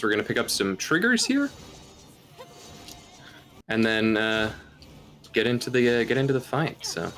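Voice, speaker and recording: A man's voice: lowish voice, fairly bright tone. A tired man doing live speedrun commentary, rambling, giggling and tripping over his words.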